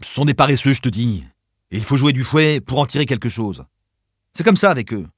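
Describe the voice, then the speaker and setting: A man's voice: mid-range voice, expressive, fairly quick, husky, no echo, studio quality, voice pushed up. A man reading an audiobook, giving voice to a brash, impatient young man who speaks scornfully in a raised voice. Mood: sneering. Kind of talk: audiobook character voice.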